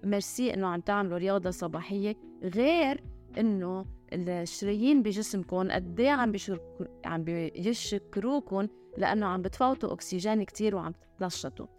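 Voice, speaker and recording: Brisk Lebanese woman podcasting over music. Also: medium pitch, a little mellow. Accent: Lebanese Arabic. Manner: mixes in English and French words. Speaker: podcast host. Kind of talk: casual motivational health advice podcast.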